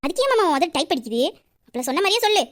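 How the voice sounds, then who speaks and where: A woman playing a quick, teasing young woman. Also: extremely high pitch, very animated, a bit bright, exaggerated voice. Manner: coaxing, teasing, quick banter. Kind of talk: romantic audio drama.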